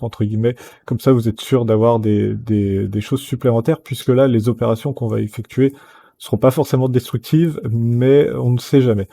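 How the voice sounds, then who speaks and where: Relaxed man with a mellow voice. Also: medium pitch. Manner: relaxed, many "euh" and "eh bien" fillers. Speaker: software tutorial host. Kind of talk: screen-recorded software tutorial.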